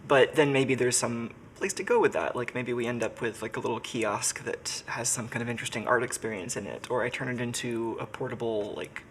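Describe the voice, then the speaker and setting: A congested, ill man talks casually on a live stream from his home workshop, thinking out loud with many fillers. He has a medium-pitched voice and speaks briskly with hardly any pauses, over a little hiss or hum.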